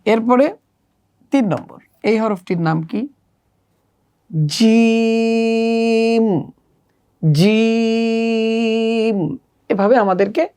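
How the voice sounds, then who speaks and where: A woman teaching children the Arabic letters, slowly and patiently working through a workbook one exercise at a time. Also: mid-range voice, warm tone. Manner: slow, patient step-by-step instruction. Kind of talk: workbook lesson walkthrough.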